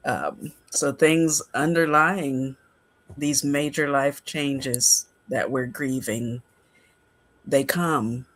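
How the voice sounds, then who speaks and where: A man's voice: medium pitch, fairly even intonation, very slow, a bit bright. A man in his sixties on a casual podcast, explaining ideas in a conversational way.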